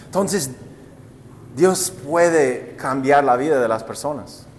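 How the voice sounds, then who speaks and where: A man's voice: mid-range voice, animated, slow, a little hiss or hum. A male pastor preaching a sermon, telling a story and often asking the congregation rhetorical questions. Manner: addresses listeners as brothers and sisters.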